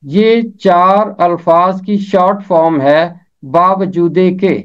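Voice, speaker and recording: Slow, careful male teacher. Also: high voice. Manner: repeats each word slowly and carefully. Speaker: Urdu pronunciation teacher. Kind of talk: slow deliberate pronunciation lesson. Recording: dull lo-fi recording.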